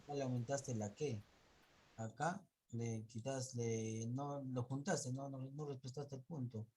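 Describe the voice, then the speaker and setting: A man's voice: mid-range voice, fairly even intonation, measured pace, dark tone, slightly rough. A man teaching an online class, going over pupils' reading mistakes and counting errors aloud.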